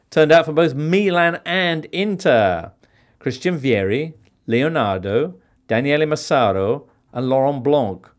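A man hosts a podcast quiz, reading questions with playful theatrical flair. His voice sits at an ordinary pitch but rises and falls a lot as he goes. He sounds like a quizmaster who enjoys the show. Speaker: quiz host.

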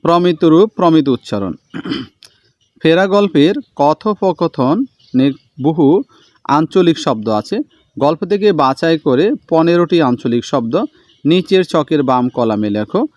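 Slow, deliberate male teacher, dull recording. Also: fairly high pitch, animated, a little mellow, no room sound. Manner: slow, deliberate, repeats each word for students. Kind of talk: reading a textbook lesson aloud. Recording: dull lo-fi sound.

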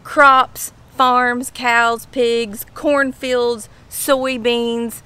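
This vlogger from Kentucky, a middle-aged woman with a Southern drawl, explains slang outdoors by her home pool, talking to camera in a casual, folksy style and repeating phrases to stress them. Her voice sits on the high side, smooth and sharp, level in tone and extremely slow.

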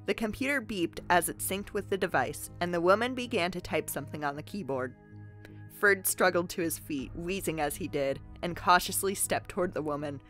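A woman co-hosting a comedy podcast, taking over the fan fiction reading with steady narration. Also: lowish voice, moderate pace, faint music behind.

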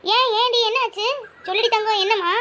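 A young performer playing a fond young mother in a family home skit, coaxing a crying child with pet names in a high childlike voice. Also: brisk, noisy background.

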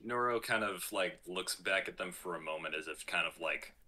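A man playing a tabletop game, relaxed, narrating his character's actions in third person. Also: deep voice, normal speed. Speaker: player.

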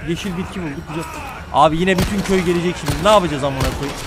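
A man's voice: fairly high pitch, very fast, noisy background. A young man streaming a horror game, talking frantically and swearing constantly at enemies. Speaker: gaming streamer. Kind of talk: let's play commentary. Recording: game music loud behind voice.

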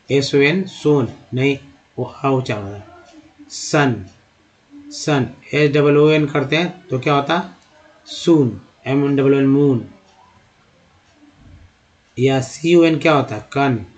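Give me a man of ordinary pitch giving a slow spelling lesson, quizzing the viewer and answering himself. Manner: explains slowly, spells words letter by letter; asks and answers his own questions. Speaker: English teacher. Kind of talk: spoken English lesson.

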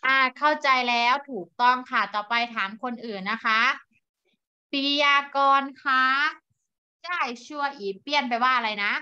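A young woman teaching young children over a video call, patiently spelling sounds out slowly and asking them questions. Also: high-pitched, bright, forceful tone, smooth. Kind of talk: online classroom lesson. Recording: dull lo-fi online call audio.

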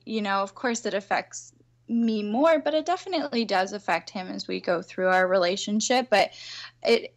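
A woman guest on a podcast who speaks in a confident, matter-of-fact, upbeat way. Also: mid-range voice. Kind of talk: conversational podcast interview.

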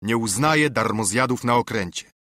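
A man's voice: medium pitch, expressive, moderate pace, pushed and bright, dry recording, studio quality. A man reading an audiobook, voicing a stern, curt ship's captain who speaks in clipped commands.

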